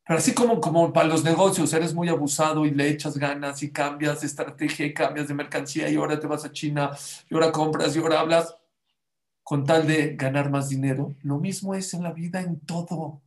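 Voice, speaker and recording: Guy preaching to a crowd, kinda high voice, keeps asking "you know why?", echoey room. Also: level tone, a little fast. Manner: emphatic, keeps asking the audience rhetorical questions. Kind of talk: motivational sermon to a live audience.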